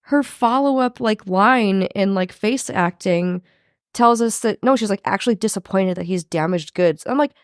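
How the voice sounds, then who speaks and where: A woman co-hosting a podcast in casual chat, with a hoarse voice, who swears a lot and jumps up high when she gets excited. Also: normal speed, dry recording, clean studio sound. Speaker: podcast co-host.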